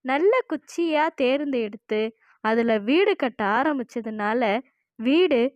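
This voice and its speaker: A woman narrating a children's cartoon story in a plain, steady way. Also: high-pitched, slow pace, no echo.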